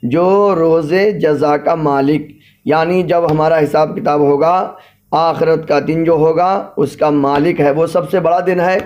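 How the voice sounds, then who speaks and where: A man giving a patient religious lesson, explaining each phrase and drawing out recited verses slowly. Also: fairly high pitch, steady tone, a little mellow. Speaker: religious teacher. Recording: dull lo-fi recording.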